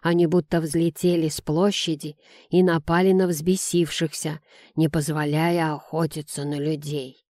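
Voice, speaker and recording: A woman reading an audiobook voices a frightened elderly male coachman who speaks slowly, quietly and haltingly. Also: low-pitched, level tone, no room sound, studio quality, natural voice. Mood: shaken. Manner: slow, hushed, halting delivery.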